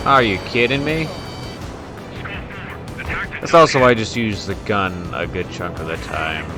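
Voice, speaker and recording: A man with a lowish voice commentates on his own gameplay at a measured pace, rambling casually and tossing in informal, grumbling asides. Behind him play the sounds of a flight combat game, with explosions and music.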